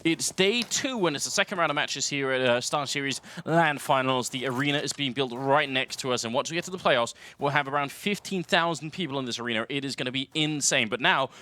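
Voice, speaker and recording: A man commentating an esports match, relaxed and analytical, often chuckling between calls. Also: mid-range voice. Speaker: esports caster. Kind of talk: play-by-play commentary.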